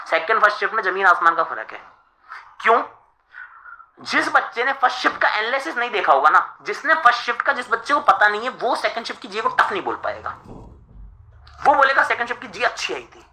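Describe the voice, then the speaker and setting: Male exam tutor on a live stream: chatty, lively pitch, bright voice, asks the students rhetorical questions. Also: rough recording. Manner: chatty, addresses listeners as friends, rhetorical questions. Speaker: exam coaching teacher.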